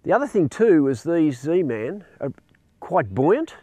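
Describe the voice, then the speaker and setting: Mellow-voiced man demonstrating fishing. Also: fairly high pitch, slow pace, dry recording. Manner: relaxed, explanatory, upbeat. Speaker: angler demonstrating lures. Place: outdoors on a marina jetty by the water.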